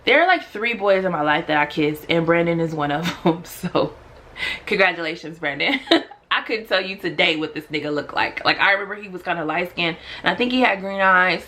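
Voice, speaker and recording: An American woman telling a casual, animated personal story in a slangy, sassy, emphatic way, sounding a little tipsy. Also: fairly low pitch, fairly quick. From Los Angeles, United States. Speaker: storytime vlogger.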